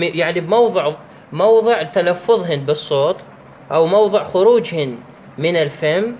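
Iraqi guy teaching recitation, slow drawn-out examples, kinda high voice, bit of hiss. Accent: Iraqi Arabic. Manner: halting, with restarts and fillers. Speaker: religious teacher. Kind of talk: explaining Quran recitation rules.

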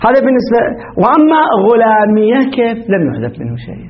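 Man, grammar teacher, high voice, questioning students, dull lo-fi recording. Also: huge pitch swings, fast talker. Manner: explains step by step, quizzes students with questions. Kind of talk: classical grammar lesson.

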